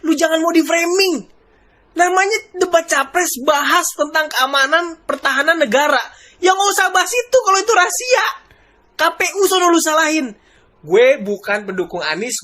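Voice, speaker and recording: Loud, exasperated young woman ranting. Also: high voice. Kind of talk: ranting commentary vlog.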